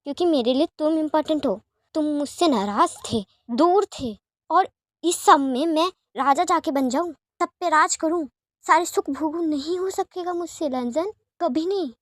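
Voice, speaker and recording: Woman doing a lovestruck young prince in a fanfic audio story, insistent, high pitched, dry sound. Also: fairly quick, darkish tone, no room sound. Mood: passionate. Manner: tender, insistent, passionate. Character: ardent young prince, tender and stubbornly devoted.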